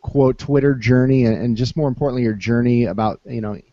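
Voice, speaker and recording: A man's voice: mid-range voice, a little fast, no echo. A man co-hosting an interview, asking a long, rambling, hesitant question. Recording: dry, dull lo-fi recording.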